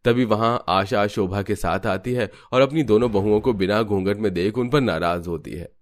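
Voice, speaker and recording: A man narrating a cartoon story in steady, scripted storytelling. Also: lowish voice, normal speed.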